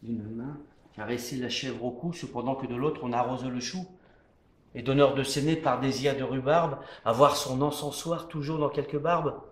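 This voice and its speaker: A man playing a proud, defiant poet-swordsman, declaiming a classical French stage verse monologue in a hammy stage-actor manner that moves between hushed and booming. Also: fairly even intonation, moderate pace, close to an everyday voice. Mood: scornful, mocking. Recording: roomy echo, faint background noise.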